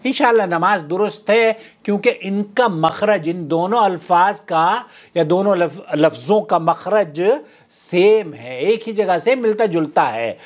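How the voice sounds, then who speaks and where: Male preacher, high-pitched, earnest explanatory lecture delivery. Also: animated. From South Asia. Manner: earnest explanatory tone, addresses "brothers and sisters". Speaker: Islamic preacher. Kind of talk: religious lecture in Urdu.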